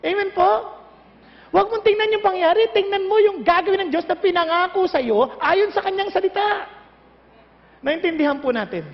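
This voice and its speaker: A middle-aged man with a Filipino accent, preaching a lively sermon and acting out little dialogues. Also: extremely high pitch. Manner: animated, mixes Tagalog and English, acts out dialogues. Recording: dull echoey hall recording.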